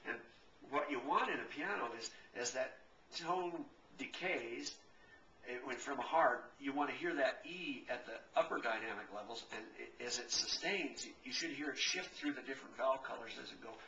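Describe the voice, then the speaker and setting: Middle-aged man, piano technician, rambling self-correcting explainer; bright tone, recorded from afar with light ambience. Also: mid-range voice, moderate pace, muffled recording, slight background noise. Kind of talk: casual explanation. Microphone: camcorder. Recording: echoey room, camcorder from a distance.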